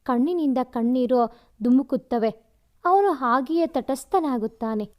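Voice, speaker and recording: A woman narrating a dramatic romantic audio story in a steady storytelling voice. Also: high voice, unhurried.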